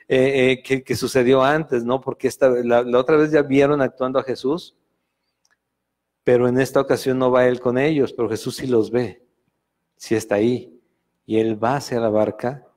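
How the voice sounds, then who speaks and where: A man's voice: medium pitch, a little mellow. A man with a Mexican Spanish accent giving a Sunday Bible study sermon, speaking conversationally with frequent fillers and self-corrections. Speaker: pastor. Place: church meeting room.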